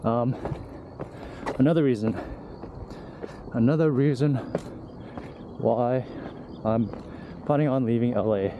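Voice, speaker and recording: With a medium-pitched, slow voice and frequent pauses, a young vlogger talks candidly to his camera while hiking uphill, out of breath. The sound is phone quality, recorded outdoors on a trail with clear background noise.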